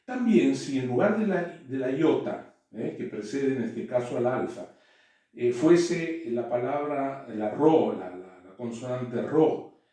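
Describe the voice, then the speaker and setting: A man giving a classroom lecture, halting, with frequent "eh" and checks that students follow. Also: mid-range voice, big pitch swings, mellow. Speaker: teacher. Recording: echoey room, voice from far off.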